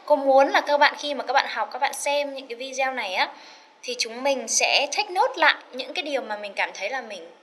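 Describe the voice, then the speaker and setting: A woman teaching an English lesson, chatty and encouraging, slowly repeating words to drill their pronunciation and mixing in English phrases. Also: sits high, lively intonation, fairly bright tone, a little hiss or hum. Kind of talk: recorded classroom lesson.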